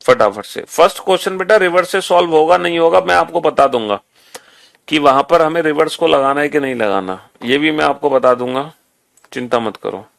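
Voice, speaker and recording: A man's voice: on the high side, a little fast, vocal fry, a bit bright. A male teacher giving an exam-prep lecture, repeating instructions again and again and calling the students "beta". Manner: repetitive drilling instructions, calls students beta.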